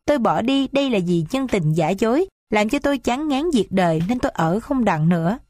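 A woman's voice: fairly high pitch, expressive, brisk, a little mellow, no echo, natural voice. A woman voicing a humble, principled poor young man in a read-aloud story, speaking earnestly and formally. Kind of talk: audiobook character reading.

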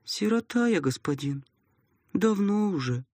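A scrawny orphan boy from a storybook mumbles and sniffles, as a man puts him on, his voice pitched higher like a young teen's. Beneath the hurt he sounds wolfish and stubborn. The read is dry and close to the mic. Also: animated, a little slow, a little mellow, no echo. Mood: sullen. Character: skinny teenage orphan boy, sullen and wolfish.

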